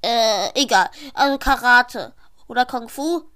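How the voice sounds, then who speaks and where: Woman playing a calm smooth-voiced boy. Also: fairly high pitch, measured pace, dry recording, studio quality. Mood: patient. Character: calm know-it-all boy pupil.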